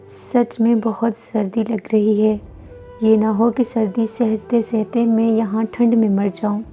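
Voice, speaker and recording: A woman reading the part of a timid young wife, cold and tearful, who pleads softly. The voice is fairly high with a creaky texture and a warm, dark tone, and faint music runs beneath it. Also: little pitch movement, lightly acted. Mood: pleading.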